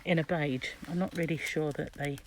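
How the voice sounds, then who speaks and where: A woman's voice: deep voice, moderate pace. Muffled British woman talking through a face mask. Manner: musing aloud to herself. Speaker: crochet vlogger. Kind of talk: casual shopping vlog, chatty commentary. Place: inside a shop aisle. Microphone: handheld phone, behind the camera. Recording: background noise, shop ambience.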